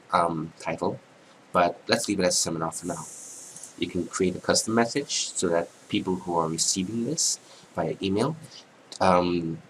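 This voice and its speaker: A man with a cold, hoarse and congested, talking through a screen-recorded software tutorial in a casual, halting way with many ums. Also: deep voice, slight background noise, rough recording. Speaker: tutorial narrator.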